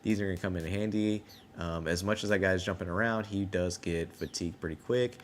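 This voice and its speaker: A man's voice: low voice, fairly quick, slight background noise. A man giving casual live gameplay commentary as a game streamer. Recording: loud game music mixed in. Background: loud music.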